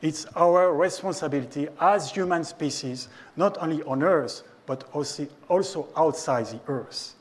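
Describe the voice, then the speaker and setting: A middle-aged man with a French accent, a native French speaker, giving a prepared talk with frequent halts and restarts. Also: on the high side. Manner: halting, with restarts and slips. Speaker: ethics speaker.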